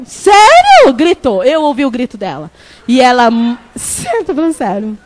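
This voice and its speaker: A woman bishop preaching a sermon, telling a personal story with lively animation and calling out to the congregation. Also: fairly high pitch, moderate pace. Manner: animated storytelling, shouting at peaks; lively, laughing, addresses crowd as "gente".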